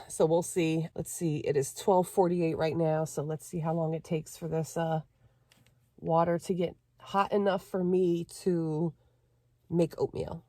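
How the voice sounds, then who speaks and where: A chatty young woman vlogging from the back of her parked car, talking through a task and laughing easily. Her voice sits a little low and mellow. The sound is close and dry, with no room echo. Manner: chatty, laughs often, talks while doing tasks. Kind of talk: casual vlog chat.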